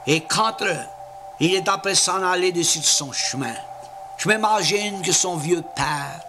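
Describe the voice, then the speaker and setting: A man's voice: high voice, pushed and bright, a little hiss or hum. A man from Louisiana with a Cajun French accent, preaching an evangelistic sermon as plain, folksy Bible storytelling with earnest appeals.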